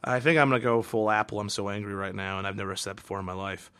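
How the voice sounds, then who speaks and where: Fast-talking ranting man on a podcast. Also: lowish voice, flat delivery, pushed and bright, clean tone. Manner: profane, ranting, exasperated. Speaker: podcast co-host. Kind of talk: casual podcast chat.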